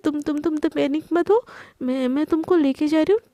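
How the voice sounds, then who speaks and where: A woman's voice: high voice, brisk, no echo, natural voice. A woman doing a caring, stammering young woman. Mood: reassuring. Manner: gentle, stammering, reassuring.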